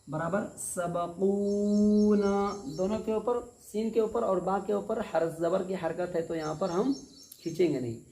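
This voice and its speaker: A man's voice: sits high, vocal fry, darkish tone. Patient man drawling out recitation. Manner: patient, drawls each word out slowly and repeats it. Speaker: Quran reading teacher. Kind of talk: spelled-out recitation lesson. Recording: echoey room with faint noise.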